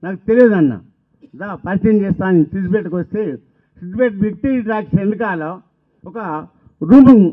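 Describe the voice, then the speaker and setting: A man with a fairly high voice reminisces at a book launch, pausing after every short phrase. The recording is thin and phone-like, as if heard down a narrow line. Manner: halting, phrase-by-phrase delivery. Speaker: speaker at a novel launch. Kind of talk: reminiscing speech. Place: stage at a book launch event. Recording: tinny phone-like sound.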